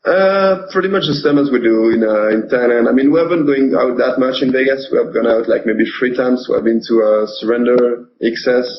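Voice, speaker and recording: A young man from France with a French accent, speaking in a halting way with many fillers as a guest in a casual interview. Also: medium pitch, lo-fi sound, slight background noise. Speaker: poker pro guest.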